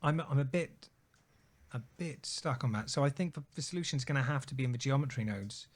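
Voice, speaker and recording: A man on a video call, casually working through a software problem out loud, trailing off and restarting as he thinks. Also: mid-range voice, fairly quick. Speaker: software user on a live Q&A. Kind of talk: casual technical problem-solving chat.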